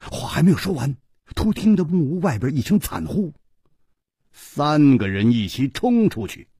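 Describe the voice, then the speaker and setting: Male traditional storyteller; husky, unhurried, lively pitch, dry. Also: no echo. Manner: expressive, swinging between loud and hushed.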